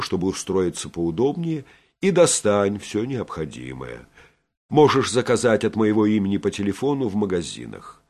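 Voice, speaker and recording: A cold, menacing middle-aged surgeon, read by a man in a low voice that still rises and falls with feeling. He delivers threats and orders slowly and deliberately, like a storybook villain. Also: darkish tone. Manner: threatening, commanding.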